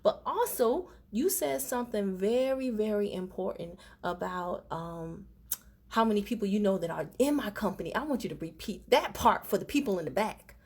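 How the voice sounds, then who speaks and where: A woman's voice: mid-range voice, animated, normal speed, a little mellow, husky. A woman hosting a live stream, asking a guest questions in a casual interview.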